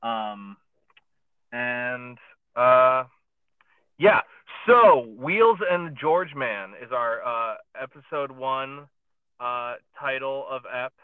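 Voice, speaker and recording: Speaking extremely slowly but with animation, a man with a mid-range, clean-toned voice co-hosts a podcast from his parked car. He chats casually and rambles, with lots of fillers and restarts. There's no echo, though the phone-and-podcast-app setup makes it tinny like a phone call.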